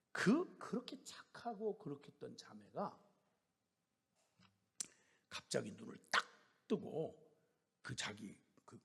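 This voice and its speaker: A man preaching a sermon as a missionary, telling a story and acting out the people in it, moving between shouting and whispering. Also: medium pitch, creaky, husky, in a large hall. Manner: storytelling, acting out scolding dialogue.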